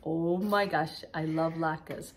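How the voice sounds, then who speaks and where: A woman's voice: deep voice, fairly even intonation, takes it slowly. A woman hosting a children's music show, leading songs and games in a bubbly, sing-song way with lots of laughing.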